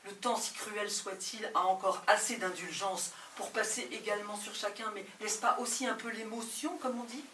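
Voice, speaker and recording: A woman's voice: medium pitch, fairly even intonation, moderate pace, hardly any pauses, a bit bright, slight background noise. Intense woman, theatrical monologue, roomy distance. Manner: intense, theatrical, addresses a listener directly. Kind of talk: performed poetic monologue.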